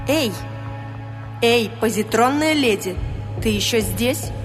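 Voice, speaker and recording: Actress as a tough, shouting heroine, audiobook with a music bed. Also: female voice, fairly high pitch, very animated, takes it slowly. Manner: loud, coarse, calling out. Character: fierce, tough young woman in labor. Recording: music playing underneath.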